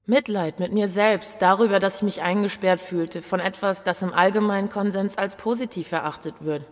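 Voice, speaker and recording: A woman's voice: medium pitch, normal speed. Reflective woman reading a story. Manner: reflective, inward, brooding. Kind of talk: first-person story reading.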